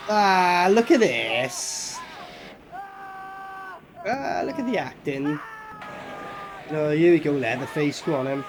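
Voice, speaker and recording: A horror film reviewer reacts while watching, delivering casual, mocking commentary that's sarcastic and packed with swearing. His voice is fairly high with lively intonation, a little slow, over music.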